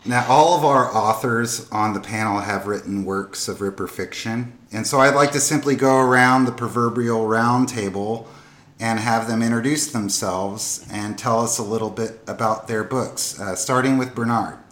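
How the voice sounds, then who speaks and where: A man's voice: lowish voice, moderate pace, a bit bright. A man hosting a podcast panel, explaining in a semi-formal way and moderating the guests. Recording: roomy, echoing voice pickup.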